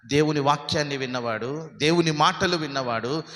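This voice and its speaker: A man preaching a sermon as pastor, asking his listeners question after question and swinging between loud emphatic peaks and low, soft lines. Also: brisk, long reverb tail. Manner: preaching with many rhetorical questions. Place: church hall.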